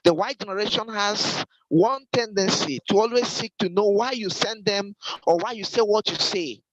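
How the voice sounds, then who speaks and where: Male church trainer, high-pitched voice, direct and instructive, repeats key points to drive them home. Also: normal speed, low-quality recording. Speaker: Sunday school teacher trainer.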